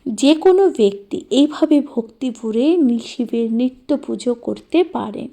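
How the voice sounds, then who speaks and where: Slow, dark-voiced woman reading scripture. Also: fairly high pitch, animated, gravelly. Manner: slow, measured chanting of mantras. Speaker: religious reader and host.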